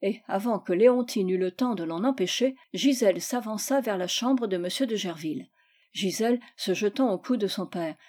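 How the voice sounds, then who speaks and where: A woman reading a classic children's novel aloud in a measured, expressive storytelling manner. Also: medium pitch. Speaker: reader. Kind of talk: scripted narration.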